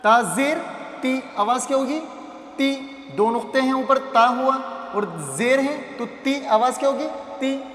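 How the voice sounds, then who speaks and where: A man teaching a Quran reading primer, drawing out syllables in slow chant between quick explanations and asking then answering his own questions. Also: very high voice, fairly even intonation, fairly bright tone, roomy sound, long reverb tail.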